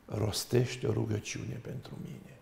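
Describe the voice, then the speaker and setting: A man voicing the skull of a pagan priest speaking from hell, in a hushed, low voice. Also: little pitch movement, vocal fry. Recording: roomy echo.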